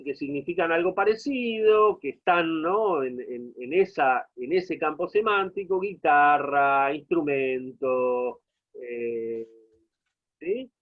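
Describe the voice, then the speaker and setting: A man with an Argentine accent giving a university lecture over a video call, explaining at length and often checking in with his students. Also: fairly high pitch. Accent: Argentine Spanish. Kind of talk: online class lecture. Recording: tinny phone-like call audio.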